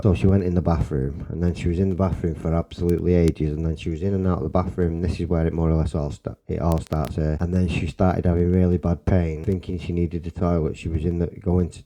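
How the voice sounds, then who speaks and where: A young man with a Salford accent telling a personal story in a rambling, excitable way, swearing and restarting often. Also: sits low, low-quality recording. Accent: Salford English. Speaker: storyteller guest.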